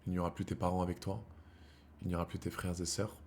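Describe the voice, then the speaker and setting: A man in his thirties hosts a live stream, speaking at a quick pace in a low, flat voice with slight background noise. He calls his viewers brothers and rambles in slang, alternating heated rants with quiet musing.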